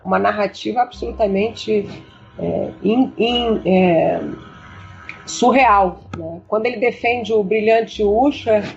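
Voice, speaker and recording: A woman's voice: mid-range voice, darkish tone. A woman professor answering interview questions on a podcast, thoughtful and hesitant, often restarting her sentences. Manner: hesitant, many restarts and fillers. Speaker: philosophy professor, guest. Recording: dull, lo-fi audio with faint music.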